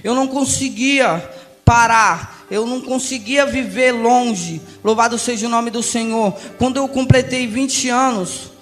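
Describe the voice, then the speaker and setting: High-voiced man giving an impassioned testimony. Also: measured pace. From Brazil. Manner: impassioned, swinging from hushed to loud. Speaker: church testimony speaker. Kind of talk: emotional church testimony. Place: large church hall. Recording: reverberant church hall with music.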